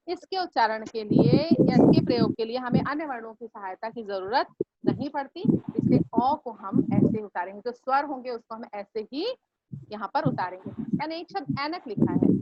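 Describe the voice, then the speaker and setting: High-voiced woman teaching a class. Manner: repeats questions to drill students. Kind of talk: classroom grammar lesson. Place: classroom with blackboard. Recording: dull lo-fi recording with steady noise.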